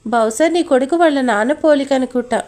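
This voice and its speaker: A woman's voice: high voice, brisk, a little mellow, close to an everyday voice. A woman voicing a cheerful older aunt who talks lightly and teasingly in an audio story.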